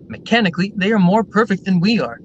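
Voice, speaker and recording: In this stage-style radio drama, a man voices an eager, brisk factory general manager, his delivery formal, articulate and full of eager storytelling. The recording is muffled and noisy, carrying a constant rumble.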